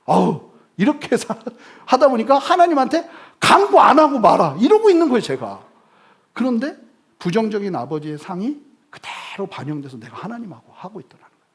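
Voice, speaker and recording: A male pastor giving a sermon, telling humorous stories with sudden loud bursts. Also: very high-pitched, big pitch swings, brisk.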